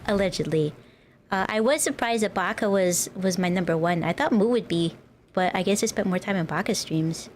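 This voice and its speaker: Over background music and a bit of noise, a VTuber host keeps up casual chatter while gaming on her livestream. She has a medium-pitched voice at a moderate pace and plays up a cute, playful anime-streamer persona.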